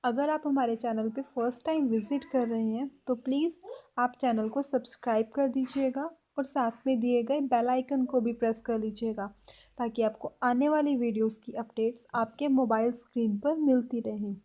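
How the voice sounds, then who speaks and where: A woman's voice: on the high side, fairly even intonation, normal speed, mellow. A woman teaching everyday phrases in a spoken language lesson, carefully repeating each example sentence.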